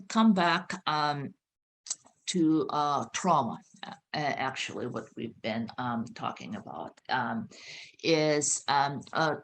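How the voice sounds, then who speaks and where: A woman with a very low voice talks slowly and earnestly. She fills her sentences with ums and uhs as she explains. Her voice comes over a video call. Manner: hesitant, many fillers, earnest. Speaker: host.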